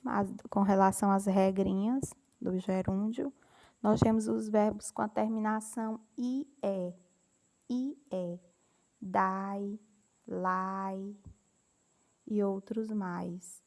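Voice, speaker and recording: Slow, patient woman with a gravelly edge. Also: medium pitch, steady tone, darkish tone. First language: Portuguese. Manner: slow, patient explaining with repeated examples. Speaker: English teacher. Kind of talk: classroom grammar lesson.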